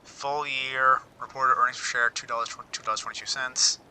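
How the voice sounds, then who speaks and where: Bright-voiced man thinking aloud. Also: medium pitch, fairly even intonation, fairly quick, a little hiss or hum, low-quality recording. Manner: thinking aloud, reading out figures and musing on them; wry, self-interrupting, repeats words as he reads. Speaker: streamer. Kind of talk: casual livestream commentary.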